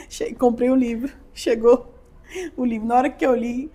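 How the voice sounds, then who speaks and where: A woman's voice: fairly high pitch, fairly even intonation, a little slow, dark tone. A Brazilian woman giving an emotional podcast testimony, acting out her own quotes as she tells the story. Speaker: podcast guest.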